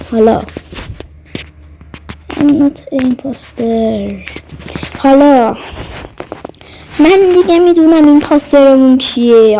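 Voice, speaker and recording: A woman's voice: high-pitched, mellow, slight background noise. A woman giving casual, chatty commentary while playing an online game, thinking aloud and speaking to her viewers. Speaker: gaming vlogger.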